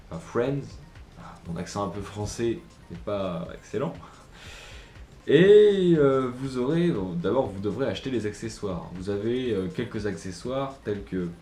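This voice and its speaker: A man's voice: on the low side, a little mellow. A man giving a casual phone review, hesitant with many fillers and restarts. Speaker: tech reviewer. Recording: roomy echo with faint music.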